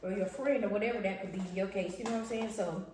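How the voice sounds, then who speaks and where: A young pregnant vlog co-host makes casual mealtime conversation with her viewers at an indoor restaurant table, frequently calling them y'all. She talks fast, with a medium pitch, fairly even intonation, and a darkish tone. The recording has a very echoey room and faint noise.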